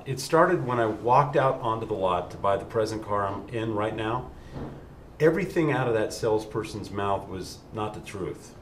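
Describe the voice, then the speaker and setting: Man acting as low-voiced husband in echoey room. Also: animated, normal speed, slight background noise, close to an everyday voice. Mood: earnest. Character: everyday husband and car buyer with bad credit. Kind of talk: infomercial testimonial acting. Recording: roomy echo, faint music behind.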